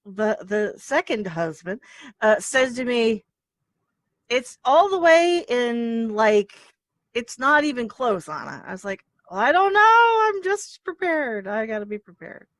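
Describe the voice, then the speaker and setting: A talk show host, this woman speaks in a fairly high voice. She is effusive and animated, laughing easily. The sound is dry and close. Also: a little slow, dry recording. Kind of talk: casual interview chat.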